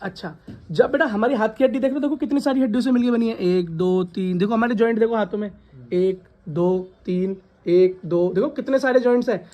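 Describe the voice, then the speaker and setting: A woman teacher runs a classroom science lesson with a warm, mellow voice. She keeps asking the class questions and has them repeat key words back to her, and she scolds students who laugh. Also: medium pitch, brisk. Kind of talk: classroom lesson with call-and-response.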